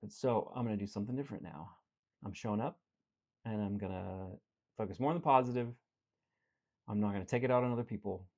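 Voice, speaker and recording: A man's voice: on the low side, quick pace, pauses often, highs cut off. A man speaking as a life coach in an earnest, direct motivational talk, telling a story from his work. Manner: earnest, direct, swings between animated and quiet.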